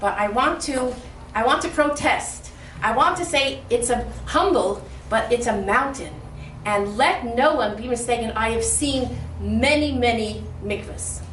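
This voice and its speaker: The guest speaker, an older woman from Detroit, Michigan, delivers an unhurried speech with few pauses in a fairly high voice. Her talk at the community event is humorous, spirited and from the heart, picked up far away in a reverberant hall with a little noise.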